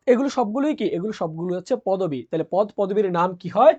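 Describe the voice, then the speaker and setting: A woman teaches a live online lesson in a mid-range voice that's brisk, dark-toned and slightly rough, with lively intonation. She drills by repeatedly asking questions and answering them herself. The recording has a dull lo-fi sound.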